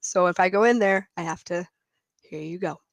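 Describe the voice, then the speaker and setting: A woman chiming into a podcast chat with an animated story. Her voice sits low for a woman and sounds dry and close, with no room around it. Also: normal speed, no room sound. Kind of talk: casual chat.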